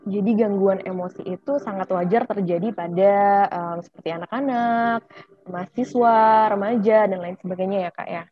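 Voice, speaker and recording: A woman's voice: mid-range voice, fairly even intonation, normal speed. Woman host asking questions, dull lo-fi audio. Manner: polite, addresses guest as "Kak", with "em" fillers. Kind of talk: interview questions.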